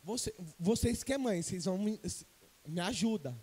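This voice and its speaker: A man from Brazil preaching a sermon as an evangelist, swinging from loud to hushed and questioning the congregation. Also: high-pitched, lively intonation, moderate pace, breathy edge. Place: church sanctuary. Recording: long church reverb.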